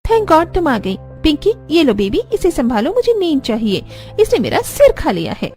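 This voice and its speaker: A woman's voice: high-pitched, wildly swooping pitch, moderate pace, darkish tone, soft background music, full character voice. A woman voicing a selfish, modern young mother who is whiny and dismissive in a cartoon story. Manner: whiny, dismissive, mixes English words.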